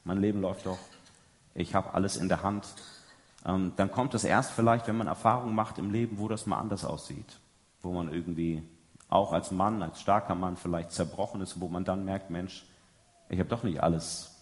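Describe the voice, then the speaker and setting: A man's voice: sits low, fairly quick. German preacher man in an echoing hall. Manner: conversational, often adds a questioning "ja". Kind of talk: sermon. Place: large hall before an audience. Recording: long hall reverb.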